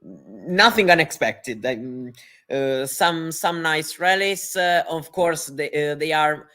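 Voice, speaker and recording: Slow, hesitant Italian-accented man. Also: fairly high pitch, sharp tone. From southern Italy. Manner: hesitant, searching for words, many fillers. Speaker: co-commentator. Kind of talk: live commentary chat.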